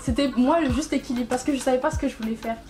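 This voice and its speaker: A woman in her twenties from French Guiana and Brazil, a guest explaining her path in earnest, seated in a bright room. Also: sits high, rapid-fire. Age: 20s. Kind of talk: casual interview chat.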